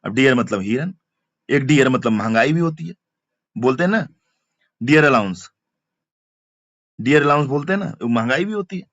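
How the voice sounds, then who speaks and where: A man's voice: mid-range voice, expressive, normal speed, pauses often, a bit bright, no echo. Man, teacher, repeats words, dry, muffled lo-fi sound. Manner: explains word by word, repeating terms and asking for comments. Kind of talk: online exam-prep lesson.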